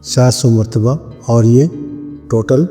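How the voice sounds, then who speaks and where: A man from Pakistan, a spiritual practitioner, teaching a ritual step by step. He speaks slowly and deliberately, repeating each word several times as he dictates it. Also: mid-range voice, fairly even intonation, warm tone. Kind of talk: instructional talk. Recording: long reverb with faint background music.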